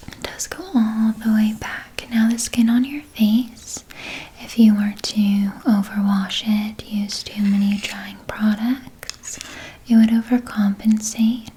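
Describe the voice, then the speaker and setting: A woman playing a gentle, caring spa hair therapist in a whispered role-play, speaking in a soft breathy whisper and reassuring her client as she explains. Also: medium pitch, little pitch movement, slow, natural voice, low-quality recording. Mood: soothing, reassuring.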